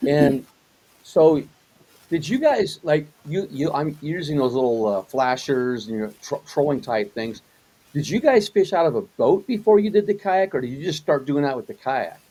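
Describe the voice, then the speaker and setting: A man's voice: fairly high pitch, very animated, normal speed, dark tone, breathy edge, rough recording. A man hosting a casual interview, rambling a little, often repeating words and restarting his questions. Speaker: host.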